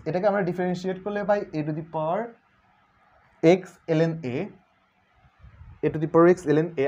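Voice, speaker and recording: Pitched fairly high but dark in tone, this young male math tutor teaches calculus online in a chatty way, cracking jokes with students and mixing in English words. Audio quality is dull and lo-fi.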